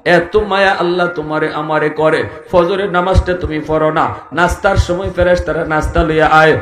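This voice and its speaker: A man preaching a waz sermon, in an impassioned style that soars into high sung cries and calls out to the crowd. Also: steady tone, moderate pace, a bit bright, echoey room. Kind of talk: Bengali waz sermon, chanted and sung at peaks.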